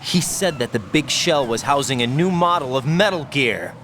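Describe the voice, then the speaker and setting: Guy voicing young soldier raiden, tense questions, swoopy lively pitch, noisy game sound. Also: moderate pace, lightly acted. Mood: probing. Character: young male special-forces soldier, questioning.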